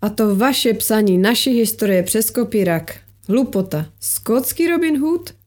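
A woman's voice: a little high, lively intonation, darkish tone, close to an everyday voice. A woman voicing a grumbling office man. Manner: grumbling, mocking. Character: grumbling male office worker hiker.

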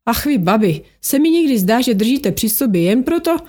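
A woman's voice: on the high side, sing-song, darkish tone, voice pushed up. A woman reading aloud, voicing a teasing young woman colleague in an audiobook.

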